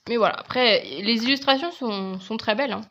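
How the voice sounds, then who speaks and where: A woman's voice: a little high, a little fast, pushed and bright, highs cut off. A woman with a French accent presenting her oracle card decks in a casual, chatty video, often hesitating and restarting her sentences. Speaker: tarot and oracle card reviewer.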